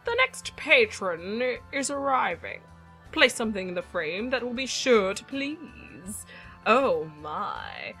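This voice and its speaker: A woman's voice: fairly high pitch, wildly swooping pitch, takes it slowly, pushed and bright, soft background music. A woman co-hosting a let's play, chatting casually and playfully reading game prompts aloud. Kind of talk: casual gameplay chat.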